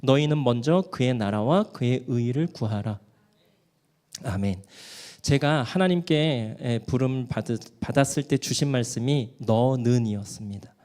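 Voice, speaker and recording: A man's voice: mid-range voice, unhurried, a little mellow. A man preaching a sermon in church, asking his congregation questions, answering them himself and briefly acting out quoted complainers. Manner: acts out quoted grumblers in short put-on voices. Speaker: pastor. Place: church sanctuary.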